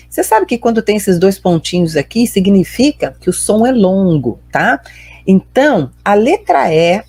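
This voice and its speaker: A woman's voice: medium pitch, dark tone, slightly rough, no echo. A woman with a Brazilian Portuguese accent teaching an online English lesson, carefully drilling pronunciation and switching between Portuguese and English.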